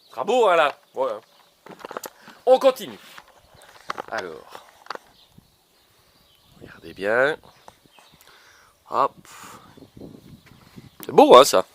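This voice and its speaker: A man's voice: medium pitch, wildly swooping pitch, slow pace, long pauses, fairly bright tone, slight background noise. A man in his outdoor garden, planting seedlings and teasing kids to guess each vegetable, with lots of fillers. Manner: playful, teasing guessing games, many fillers. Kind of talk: casual gardening show for children.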